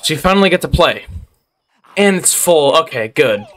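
A young man giving gameplay commentary as a channel host, ranting in exasperation and bursting into loud disbelief. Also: on the high side, expressive, moderate pace.

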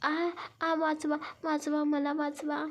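A woman's voice: sits high, little pitch movement, unhurried, creaky, warm tone, a little hiss or hum. A woman voicing a tipsy, playful young woman who pleads in a whiny, babyish way. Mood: wailing.

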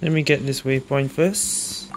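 A woman's voice: very deep voice, measured pace, background noise. A woman giving casual let's play commentary, often tagging remarks with a questioning eh. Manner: ends remarks with "eh". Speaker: gamer playing and commenting.

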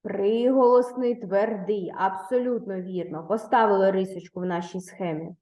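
A woman with a mid-range, mellow voice speaks at normal speed, her online third-grade lesson carrying a roomy echo. She guides the young pupils patiently, offering praise for their answers and prompting what comes next.

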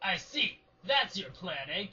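A man's voice: sits high, very animated, measured pace, bright, forceful tone, full character voice. A man voicing a pompous, blustering imperial officer in a comedy fan dub. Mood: smug. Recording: dull lo-fi sound with faint hiss.

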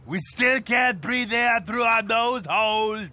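A man's voice: very high-pitched, takes it slowly, pushed and bright, full character voice. A man voicing a whiny male alien trainer who is sick with a cold and sounds congested.

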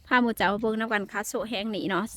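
A woman with an Isan Lao accent, from Laos or northeast Thailand, narrates a casual travel vlog while visiting a castle, standing outdoors on its wall in the rain. Her mid-range voice keeps a fairly even intonation, but she talks at a racing pace. Chatty and friendly, she addresses her viewers as brothers and sisters.

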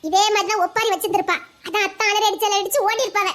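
A woman acting out family members in a home-made drama, with lively teasing banter. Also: very high voice, rapid-fire. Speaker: voice actor playing family members.

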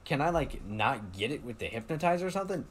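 A man giving casual commentary over his gameplay, excitable and quick to exclaim at what happens on screen. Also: mid-range voice. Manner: excitable, exclaims loudly at game events. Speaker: gaming channel host.

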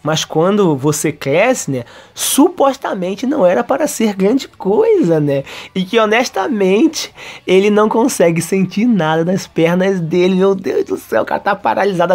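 Excitable man recapping manga. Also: high-pitched. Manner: excitable, laughs often, tags lines with "né?". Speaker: anime and manga reviewer.

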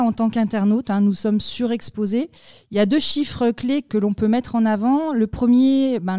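A woman explaining content marketing on a podcast in a measured way, with many fillers. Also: a little high, dark tone, dry recording, clean studio sound.

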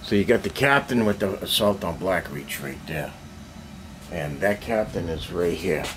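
An older man with a deep, expressive voice and a moderate pace gives a casual show-and-tell of his miniatures. Filmed handheld in his cluttered basement hobby room with background noise, he rambles, downplays himself, and clears his throat a lot.

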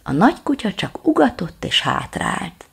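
A woman reading a children's story aloud, in a lively, expressive manner, with a husky, gravelly voice. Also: mid-range voice. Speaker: audiobook reader. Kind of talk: storybook narration.

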